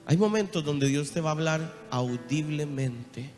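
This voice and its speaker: High-voiced Costa Rican preacher in a hall. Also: male voice, a little slow. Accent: Costa Rican Spanish. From Costa Rica. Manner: emotional testimony, swings from hushed to loud cries. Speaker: apostle preaching. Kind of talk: sermon. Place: large church hall. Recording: reverberant church hall. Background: soft guitar music.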